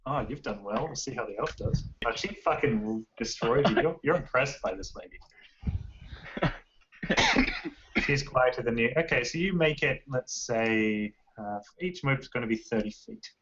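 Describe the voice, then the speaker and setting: A man's voice: medium pitch, big pitch swings, moderate pace, noisy background. Man as game master, loose rambling narration with many fillers, muffled lo-fi recording.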